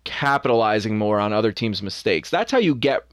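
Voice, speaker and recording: A young man co-hosting a podcast in a casual sports chat, opinionated and animated. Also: lowish voice, dry recording, studio quality. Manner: opinionated, animated, quick asides. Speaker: podcast co-host.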